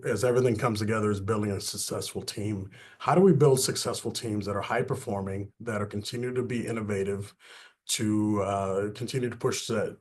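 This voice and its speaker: A man giving a webinar presentation on a video call, earnest and full of fillers and restarts. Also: fairly low pitch. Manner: earnest, filler-heavy, restarts mid-phrase. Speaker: business consultant presenting a webinar.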